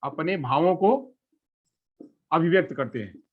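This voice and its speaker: A man teaches a class in a voice pitched a little high. He keeps asking a question and then answering it himself, repeating key phrases. The recording sounds dull and lo-fi. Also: animated, unhurried, breathy edge. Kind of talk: classroom lecture. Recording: lo-fi muffled recording.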